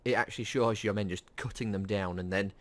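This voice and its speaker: A man's voice: on the low side, fairly even intonation, a little fast, fairly bright tone. A man hosting a gaming video with casual, off-the-cuff gameplay commentary. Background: game sounds.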